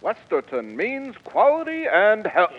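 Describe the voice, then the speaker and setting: A man's voice: sits high, huge pitch swings, a little slow, faint music behind, heavily acted. A man playing a slick old-time radio announcer. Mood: pitching. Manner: smooth and salesy. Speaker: announcer and narrator. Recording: muffled lo-fi old radio sound.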